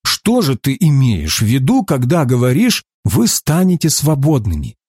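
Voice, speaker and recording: A man's voice: medium pitch, wildly swooping pitch, normal speed, darkish tone, breathy edge, dry recording, clean studio sound. A man reading indignant male challengers.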